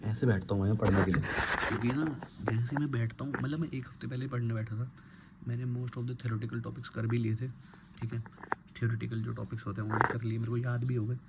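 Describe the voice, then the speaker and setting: A young man in his twenties talks quietly, close to a phone, at home late at night. He rambles and pokes fun at himself in a casual vlog, at a middle pitch. A steady hiss of noise sits under the voice. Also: fairly quick, creaky. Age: 20s. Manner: hushed, rambling, self-mocking. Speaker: college student vlogger. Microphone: phone held close.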